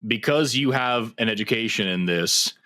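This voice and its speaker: Guy hosting a call-in show, lowish voice, keeps pushing for a straight answer. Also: expressive, moderate pace, bright, forceful tone. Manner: probing, presses for clear answers. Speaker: host. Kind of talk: call-in debate.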